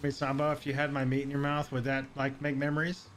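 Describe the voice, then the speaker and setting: A man's voice: medium pitch, completely flat delivery, fairly bright tone. A man chatting casually with a friend while gaming, joking, swearing and laughing often. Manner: profane, joking, quick to laugh. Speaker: gamer. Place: Saint Louis.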